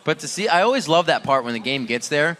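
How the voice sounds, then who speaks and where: A man casting an esports match, excitable and laughing often, with loud bursts. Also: on the high side, fast talker. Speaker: esports caster. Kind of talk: play-by-play wrap-up commentary.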